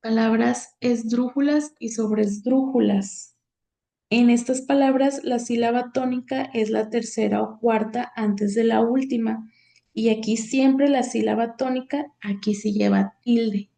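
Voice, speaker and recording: A woman teacher, reading grammar slides aloud in a halting way with many fillers. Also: fairly high pitch, steady tone, creaky, mellow. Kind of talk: slide lecture on accent rules.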